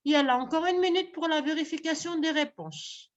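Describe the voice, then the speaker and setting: A woman's voice: high-pitched, a little fast, lo-fi sound. A woman teacher running an online vocabulary lesson, patiently repeating each word pair and praising her pupils often.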